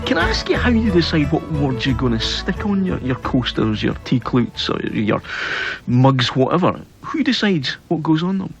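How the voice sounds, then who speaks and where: A Scottish man presenting and interviewing for radio in an animated, challenging manner. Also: on the high side, moderate pace, creaky, soft background music. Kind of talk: scripted radio narration and interviewing.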